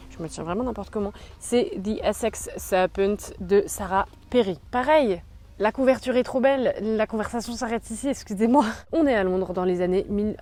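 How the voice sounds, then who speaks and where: A woman's voice: mid-range voice, dark tone. A young woman chatting casually about books she bought, full of slang and fillers. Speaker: book vlogger. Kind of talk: casual book haul chat.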